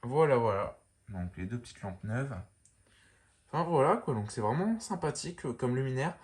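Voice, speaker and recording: A man giving a casual show-and-tell of a lamp, talking in a relaxed, rambling way full of fillers and restarts. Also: mid-range voice, normal speed. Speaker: lamp collector showing a fixture.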